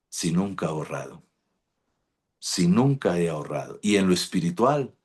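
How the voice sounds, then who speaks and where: A middle-aged man preaching a sermon, telling a personal story and acting out his own pleas to God as his voice climbs high. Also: husky. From Colombia. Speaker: pastor.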